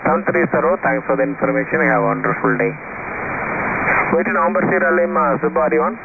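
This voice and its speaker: A man's voice: fairly high pitch, wildly swooping pitch, fast, creaky. A man running an amateur radio net, calling for check-ins with formal, repeated call procedure, heard over a ham radio link with static. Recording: tinny radio line, loud static hiss.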